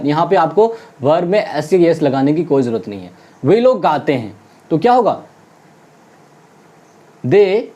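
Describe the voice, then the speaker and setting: Lesson teacher, mellow dark voice, mid pitch; friendly address to viewers, self-answered questions, slow word-by-word example drills. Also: lo-fi sound. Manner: repeats English example sentences slowly, word by word. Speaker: spoken English teacher. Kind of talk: online classroom lesson.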